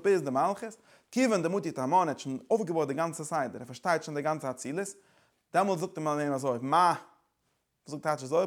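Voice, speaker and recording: A man's voice: a little high, creaky. A man lecturing like a teacher, driving his explanation forward with repeated phrases and words from several languages.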